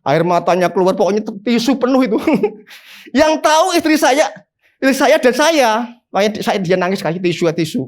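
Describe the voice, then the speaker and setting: A man, a pastor preaching a sermon in an animated way, with sudden high emphatic bursts. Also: normal speed.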